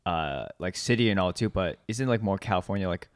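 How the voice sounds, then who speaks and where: A man from the US East Coast hosting a podcast, chatting casually and asking questions in a halting way, often repeating words. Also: low voice, animated, dry recording, clean studio sound. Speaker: podcast host. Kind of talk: casual chat.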